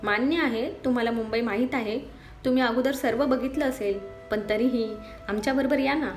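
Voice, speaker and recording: A woman's voice: on the high side, moderate pace, soft background music, lightly acted. A woman voicing a boastful teasing young man. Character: playful young man teasing his sister.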